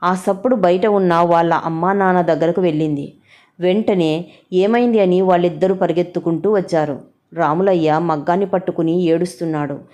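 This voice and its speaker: A woman narrating a village story in a steady, plain way, with a Telangana Telugu accent. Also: on the low side, fairly quick, muffled recording.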